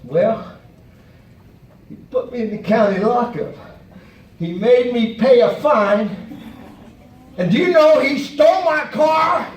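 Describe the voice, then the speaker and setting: A man playing a bumbling high-voiced preacher. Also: lively intonation, slow pace, pauses often, heavily acted. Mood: indignant. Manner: rambling, stumbling over words, comically indignant. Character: bumbling excitable male traveling preacher. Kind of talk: live comedy sketch. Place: stage before a live audience. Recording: echoey hall from far off, audience.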